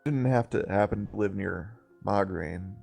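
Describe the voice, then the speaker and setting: A man with a husky, gravelly voice playing a tabletop game, asking questions in a halting, casual way. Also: lowish voice, a little mellow, faint music behind. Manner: inquisitive, halting. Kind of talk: casual in-character game talk.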